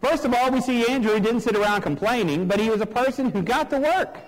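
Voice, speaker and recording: A man's voice: extremely high pitch, brisk, in a large hall, poor audio. A man preaching a sermon to his congregation in an emphatic, repetitive cadence. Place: church sanctuary.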